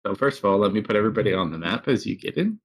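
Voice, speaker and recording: Animated man running a tabletop game. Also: fairly low pitch, racing. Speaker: game master. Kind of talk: casual improvised tabletop narration.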